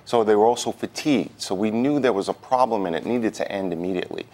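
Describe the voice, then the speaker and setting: Appearing as a guest on a news broadcast, a union president answers questions on behalf of his organization in a low, slightly mellow voice. His speech is halting, frequently repeating a word before he continues.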